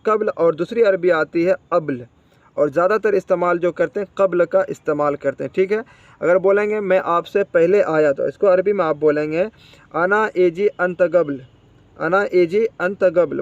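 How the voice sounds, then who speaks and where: A man's voice: high-pitched, no room sound, highs cut off. A man teaching spoken Arabic vocabulary, repeating each word and quizzing the listener.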